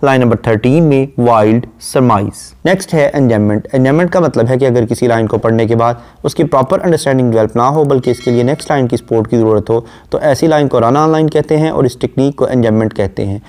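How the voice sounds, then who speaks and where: A man's voice: mid-range voice, darkish tone. Lecturing man, explains poetry line by line. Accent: Urdu-inflected Hindustani. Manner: explains line by line, quotes slowly then paraphrases; rapid listing during rhyme scheme drills. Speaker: literature lecturer.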